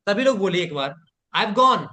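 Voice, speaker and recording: A man's voice: high-pitched, animated, a little slow, bright, forceful tone. A man teaching a live online spoken English class, patiently repeating phrases for learners to echo and praising students by name.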